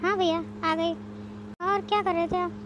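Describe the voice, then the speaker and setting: A woman voicing a lively, outspoken young married sister in a cartoon, talking in a chatty, reasoning way. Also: very high-pitched, normal speed, noisy background. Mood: cheerful. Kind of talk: cartoon voice acting. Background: background music.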